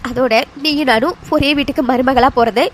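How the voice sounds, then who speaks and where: A woman's voice: high-pitched, fairly quick, slight background noise, lightly acted. A woman voicing a caring young female friend in a cartoon, who coaxes and reassures in a soothing way. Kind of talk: animated cartoon dialogue.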